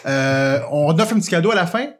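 A man's voice: fairly high pitch, animated, a little fast, a little hiss or hum. Playful man hosting. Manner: playful, laughing, roundabout. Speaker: podcast host. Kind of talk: casual chat.

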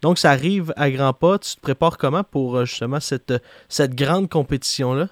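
A man's voice: medium pitch, moderate pace, dry recording, studio quality. A man with a Québécois accent hosting a casual boxing podcast, chatting with fillers and hesitations. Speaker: podcast host.

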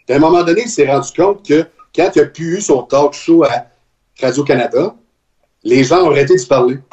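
A man's voice: on the high side, fairly quick, a little mellow. A man with a Québécois French accent telling a story in casual podcast chat. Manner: chatty storyteller. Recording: slightly dull lo-fi sound.

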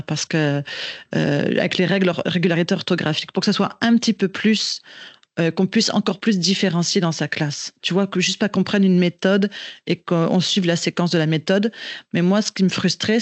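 A woman's voice: fairly low pitch, a little mellow, no echo. A woman with a Québécois French accent talks shop as a teacher in a loose, conversational way. She circles back and restarts her sentences as she thinks, and her voice sits dry and close to the mic with no room sound. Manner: thinking aloud with frequent restarts and fillers. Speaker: teacher and guest. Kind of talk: casual podcast conversation.

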